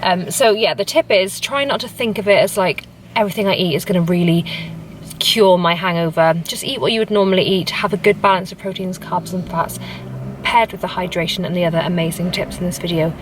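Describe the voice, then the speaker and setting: A woman's voice: lowish voice, a little fast. Tired, hungover British woman vlogging, slightly distant. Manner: informal, chatty. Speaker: vlogger, host. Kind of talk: casual vlog chat. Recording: distant mic, faint background noise.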